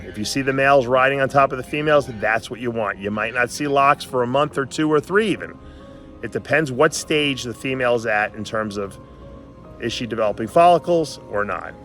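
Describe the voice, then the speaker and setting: Bright-voiced man, chatty vlog host. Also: medium pitch. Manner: chatty, informal, addresses viewers directly. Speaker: host of reptile breeding channel. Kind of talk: casual explainer vlog. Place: indoor snake breeding facility.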